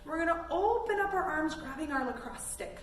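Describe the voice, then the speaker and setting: In this guided kids' yoga storytime, a woman from Canada encourages and instructs the children using simple phrasing. Her high voice is expressive and brisk. It was recorded from a distance in a roomy space with some faint noise.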